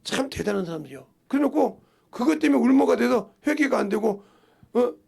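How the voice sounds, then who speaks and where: A man's voice: extremely high pitch, lively intonation, fairly quick, vocal fry, darkish tone, slightly rough. A man pastor preaching a sermon in a folksy storytelling way, asking the congregation questions as he goes. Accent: Korean.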